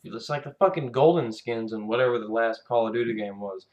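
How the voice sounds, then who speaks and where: A man's voice: mid-range voice, a little fast, a little mellow, low-quality recording. Angry, sarcastic man ranting about games. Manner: angry, sarcastic, swearing, voice jumps up when exasperated. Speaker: video game player ranting. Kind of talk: profane gaming rant.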